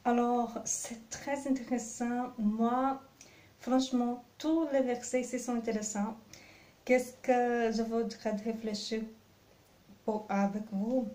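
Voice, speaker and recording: Woman Bible teacher, non-native French accent, unhurried devotional reading and reflection, slightly high, mellow. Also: roomy sound. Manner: slow, careful phrasing with pauses.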